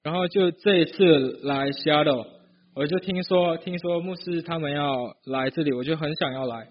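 A man's voice: a little high, normal speed, highs cut off. Earnest young man from Malaysia. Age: young adult. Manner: earnest, hesitant, with frequent restarts. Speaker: student giving a testimony. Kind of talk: personal church testimony.

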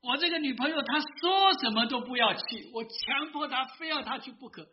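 A man's voice: very high-pitched, expressive, brisk, dull audio, noisy background, voice pushed up. A man voicing a remorseful old male professor in a confession, told within a sermon. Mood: anguished.

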